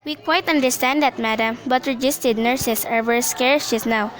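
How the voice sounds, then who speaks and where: A teenage girl acting in a school radio play as a calm, formal hospital receptionist who keeps saying madam. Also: a little high, normal speed, lightly acted. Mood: polite. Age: teens. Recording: noisy recording.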